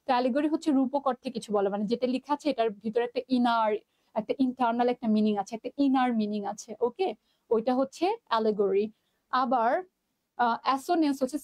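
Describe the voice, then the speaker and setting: High-voiced Bangladeshi woman teaching live. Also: a little mellow, no room sound. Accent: Bangladeshi Bengali. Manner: chatty, mixes English terms, reads out student comments. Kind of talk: live online class.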